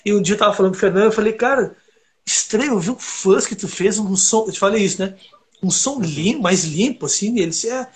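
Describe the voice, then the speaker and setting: A man's voice: sits high, fast talker. A man from Brazil, a recording engineer and guitarist chatting casually and telling rambling stories full of fillers. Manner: rambling, animated storytelling with many fillers. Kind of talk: casual podcast chat.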